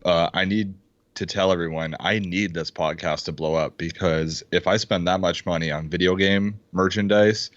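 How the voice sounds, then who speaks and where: Excitable deep-voiced man co-hosting. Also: moderate pace, no echo. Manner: excitable, pounds the table. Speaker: podcast co-host. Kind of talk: casual fantasy football chat. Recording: dull, dry lo-fi sound.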